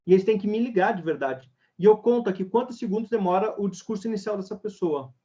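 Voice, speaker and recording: A man's voice: sits high, quick pace, dark tone. A man leading an online sales webinar, talking energetically straight to the audience. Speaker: sales trainer. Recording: dull lo-fi webinar audio.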